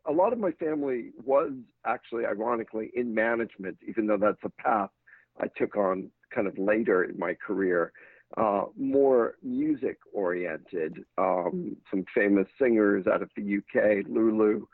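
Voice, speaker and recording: This talent manager is from England but speaks with an American accent, his fairly low voice moving at a moderate pace. In a casual interview he gives thoughtful answers with frequent restarts, over a dry, tinny, phone-like line with no echo.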